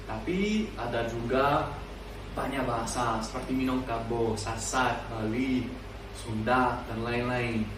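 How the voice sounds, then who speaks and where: A man in his twenties from France with a French accent, speaking halting Indonesian as a foreign learner and casually telling personal stories. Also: medium pitch. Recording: distant mic, echoey room, noisy background.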